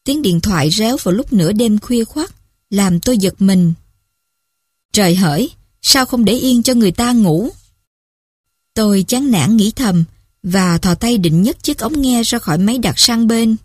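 A woman narrates a story in a calm, measured reading voice. Her pitch sits in the middle, and the recording is dry and close. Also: breathy edge, dry recording. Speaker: story reader.

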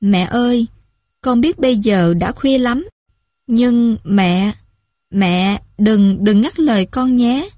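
A frightened teenage girl, drunk and lost, slurs and stumbles over her words as she pleads down a phone line, as a woman reading a story puts her on. Her voice sits a little high, and it is heard dry and close. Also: darkish tone, no room sound. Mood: slurred, frightened. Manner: slurred, halting, pleading.

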